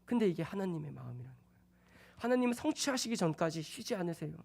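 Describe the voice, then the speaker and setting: A young man delivers a Friday night sermon as a junior pastor. His delivery is animated and conversational. He slips into acted-out voices and adds light jokes between the points of his message. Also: high-pitched, fast talker, gravelly. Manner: lively, acts out dialogue in quoted voices, joking asides. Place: church sanctuary.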